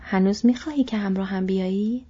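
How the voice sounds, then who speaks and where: A woman voicing a thoughtful, burdened young male hobbit who speaks softly and troubled, on a dull lo-fi recording. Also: mid-range voice, slightly rough, close to an everyday voice. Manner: soft, troubled.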